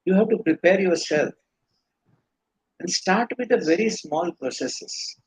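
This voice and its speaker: Husky Indian man teaching spirituality. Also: high-pitched, measured pace, low-quality recording. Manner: earnest, rambling explanations with restarts. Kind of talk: live Q&A teaching.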